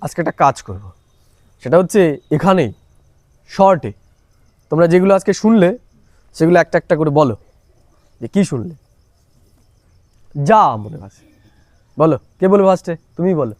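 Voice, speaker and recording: Man, high voice, spiritual teacher, coaxing, prompting answers, dry close sound. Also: lively intonation, moderate pace, long pauses, warm tone, no room sound. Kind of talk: leading a spiritual class with questions.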